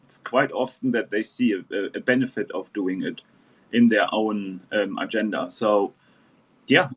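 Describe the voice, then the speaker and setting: A man from New Zealand talking in a casual panel discussion, halting and restarting with many fillers. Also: on the low side, breathy edge.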